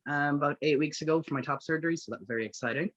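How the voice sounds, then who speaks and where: A man's voice: a little high, racing, a bit bright, muffled recording. An Irish man in his early twenties, answering as an interview guest eagerly, with lots of "like". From Ireland, Galway. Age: early 20s. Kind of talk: casual interview chat.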